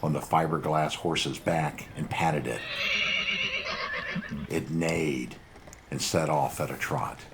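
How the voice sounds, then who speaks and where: Very deep-voiced male storyteller. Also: steady tone, slow, pauses often, heavy background noise. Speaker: narrator. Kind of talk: audiobook narration.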